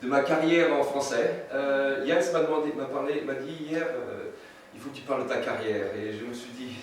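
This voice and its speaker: A Frenchman in his fifties presents his photography in a seminar talk with slides, before an audience in a seminar room. His medium-pitched voice moves at a moderate pace, but he is hesitant, with many fillers, restarts and light chuckles. The recording is noisy, echoey and captured from a distant mic.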